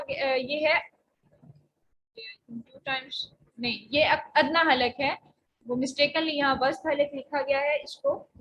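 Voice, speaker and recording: A woman's voice: sits high, pushed and bright, slight background noise, poor audio. A woman teaching Quran recitation in an online lecture, explaining pronunciation patiently with frequent hesitations. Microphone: voice only, face not shown.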